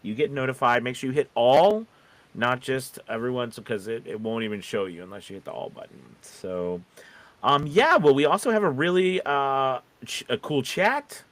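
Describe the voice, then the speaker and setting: A man's voice: mid-range voice, expressive, normal speed, fairly bright tone, no room sound. A man hosting a casual live stream, talking in a rambling way and often checking in with "you know" and "right". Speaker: live show host.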